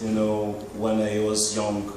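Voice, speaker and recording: A man's voice: fairly low pitch, completely flat delivery, measured pace, mellow. Man, interview guest, rambling, full of fillers, far from the mic, very echoey room. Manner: loose and rambling, many fillers. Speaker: interviewee, musician. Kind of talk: casual interview answers. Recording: roomy echo, distant mic, faint noise.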